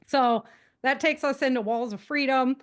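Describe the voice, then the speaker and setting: The guest author, an American woman, has a high, clear voice with a resonant tone and speaks at a moderate pace. Casual and animated, she chats through the story behind her own novels.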